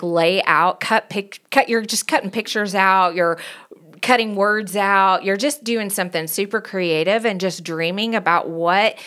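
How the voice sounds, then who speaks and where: A woman in her forties from Knoxville, Tennessee, a pastor and podcast co-host, chats casually in a Southern accent. Her smooth, mid-range voice sounds warm and earnest, and she rambles with frequent restarts.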